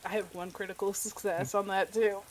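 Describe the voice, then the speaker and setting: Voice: mid-range voice, fairly even intonation, fairly quick, crowd noise, rough recording. A player in a tabletop game, describing actions and cracking crude jokes.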